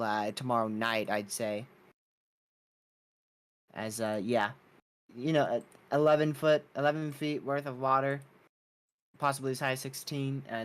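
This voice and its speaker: A man hosting a weather livestream, giving casual live commentary on a storm as it unfolds. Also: mid-range voice.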